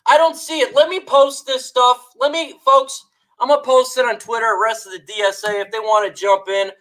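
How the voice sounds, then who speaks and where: High-voiced fired-up woman ranting live. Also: fairly even intonation, normal speed, rough recording. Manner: reads out chat shout-outs. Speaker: sports live streamer. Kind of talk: live-stream rant to chat.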